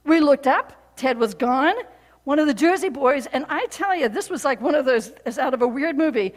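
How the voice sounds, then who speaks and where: Brief: woman pastor, high voice, chatty storytelling sermon, long hall reverb. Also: moderate pace. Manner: storytelling, animated and conversational, with frequent fillers.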